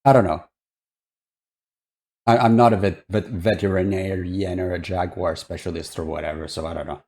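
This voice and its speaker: A man's voice: deep voice, steady tone, normal speed, darkish tone, slight background noise. A man chatting casually as a reacting streamer, rambling and hesitant as he thinks aloud. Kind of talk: casual livestream reaction chat.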